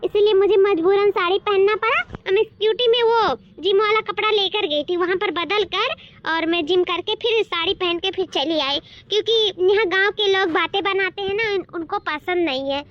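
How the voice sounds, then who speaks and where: A woman's voice: very high-pitched, normal speed. A woman playing a dramatic young village bride. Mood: complaining. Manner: dramatic, complaining. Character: discontented young village daughter-in-law, dramatic. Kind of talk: comedy sketch acting. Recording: dull lo-fi sound.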